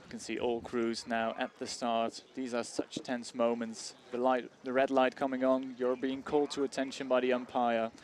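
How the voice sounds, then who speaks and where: A man calling a rowing race live as a commentator, with hesitant phrasing full of small pauses. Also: medium pitch, flat delivery. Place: outdoor regatta commentary spot beside the grandstand. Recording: crowd noise behind. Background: crowd.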